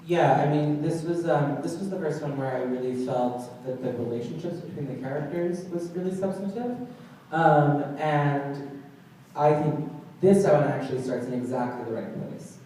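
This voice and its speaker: Brief: a measured male agent, mellow tone, distant mic with light hiss. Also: on the high side. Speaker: literary agent on a panel. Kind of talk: panel discussion. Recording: echoey room, distant mic, faint noise.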